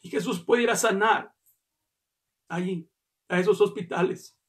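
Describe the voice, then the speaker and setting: A man preaching a sermon as pastor. He speaks fervently, calls his listeners brother, repeats words as he goes and rises to shouts at key points. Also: sits high, unhurried.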